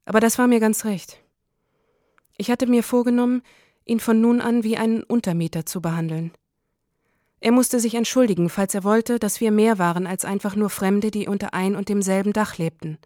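A woman reads a first-person literary story aloud in a calm, measured manner. Her voice sits in a middle range. It is recorded dry and close, with no room echo. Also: mid-range voice. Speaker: audiobook narrator.

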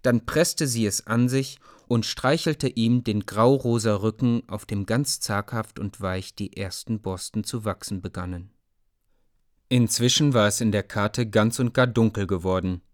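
A man's voice: on the low side, a little slow, no echo, clean studio sound. Man reading a children's story. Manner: addresses listeners directly, warm storytelling.

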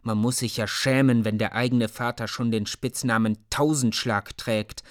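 A man's voice: medium pitch, fairly even intonation, normal speed, lightly acted. A man voicing a bitter, defiant peasant boy in a storybook reading, speaking with indignant outrage. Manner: indignant, raised voice.

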